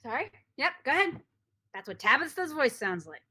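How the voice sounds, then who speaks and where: A woman plays a bossy game master in improv comedy, with a high voice that swoops widely. Her tone is bright and sharp. She sounds exasperated and sometimes drops to a hushed whisper. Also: very animated, fairly quick.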